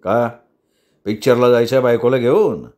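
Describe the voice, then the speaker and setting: A male storyteller voicing a bossy middle-aged boss who talks in a gruff, growling way. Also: medium pitch, moderate pace, a little mellow, close to an everyday voice.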